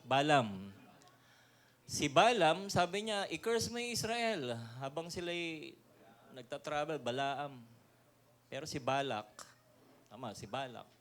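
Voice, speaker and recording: A male pastor preaching a lively sermon with a Filipino accent, often asking the congregation questions and laughing. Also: mid-range voice.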